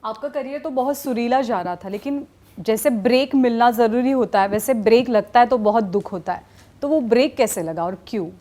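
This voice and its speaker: A woman hosting a talk show, asking an interview question in a measured, polite way. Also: fairly high pitch, mellow. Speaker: interviewer, host.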